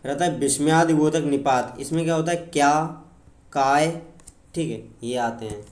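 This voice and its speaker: A man with a voice on the high side teaches an exam-prep grammar lecture at normal speed, in a reverberant space. He explains with examples, repeats his points and often checks in with his students.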